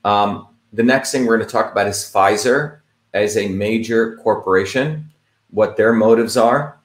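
A man's voice: lowish voice, normal speed, reverberant. A man from India giving a rambling, emphatic lecture-style talk, full of fillers and "quote unquote" asides. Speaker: host of an online talk.

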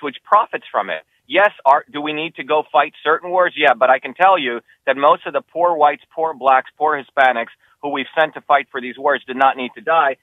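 A man from New Jersey makes his case as a political candidate, pressing each point emphatically, his voice a bit high. The sound is thin and tinny, like a phone line, with no room echo. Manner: emphatic, insistent, rising pitch when heated. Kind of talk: campaign interview answers.

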